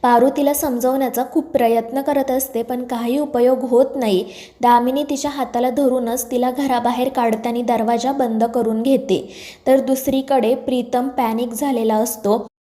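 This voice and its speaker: High, mellow-voiced woman narrating. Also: moderate pace. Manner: steady read-aloud storytelling. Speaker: serial recap narrator. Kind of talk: scripted narration.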